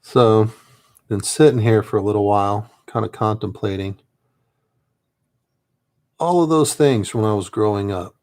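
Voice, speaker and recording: An army veteran who paints miniatures chats in a casual, reflective way while he works, his voice fairly low and his pace measured. He's soft-spoken and rambles, leaving long pauses and sometimes trailing off mid-thought.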